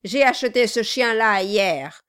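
A woman voicing a violent, mocking male dwarf who shouts harsh, taunting questions in an audiobook. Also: medium pitch, lively intonation, measured pace, smooth. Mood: menacing.

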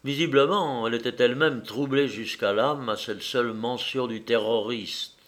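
A man reads a first-person novel aloud as an audiobook narrator. His delivery is measured and expressive, in an ordinary middle pitch. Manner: measured, expressive literary reading.

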